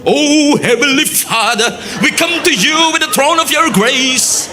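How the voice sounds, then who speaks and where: A man putting on the voice of a pompous man praying in a showy, solemn way, slow and drawn out. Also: very high-pitched, expressive, music in the background, voice pushed up.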